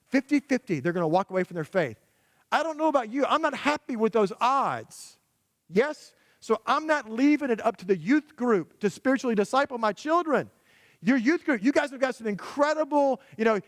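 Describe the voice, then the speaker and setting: High-voiced man preaching a story sermon. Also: no room sound, clean studio sound. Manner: conversational, emphatic, rhetorical questions to parents. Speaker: guest preacher. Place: church sanctuary.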